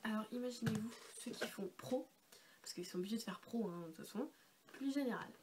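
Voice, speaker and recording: Young female vlogger, slightly high voice, congested, informal and chatty, light background noise on an amateur recording. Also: a little fast, darkish tone. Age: young adult. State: congested from being sick. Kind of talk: casual, chatty vlog explanation. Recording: noisy amateur home-video sound.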